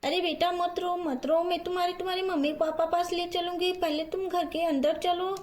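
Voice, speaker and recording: A woman's voice: very high-pitched, steady tone, moderate pace, pitched above the performer's own voice. A woman voicing a caring young housewife who coaxes a child and thinks aloud to herself. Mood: soothing. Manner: coaxing, talks to herself aloud. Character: kind poor young housewife, caring and worried.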